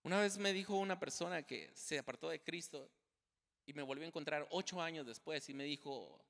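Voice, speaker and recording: High, bright-voiced man preaching. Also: brisk, vocal fry. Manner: emphatic, repeats key phrases, addresses the congregation directly. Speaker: pastor. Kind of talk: preaching a sermon. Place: church sanctuary. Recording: long church hall reverb.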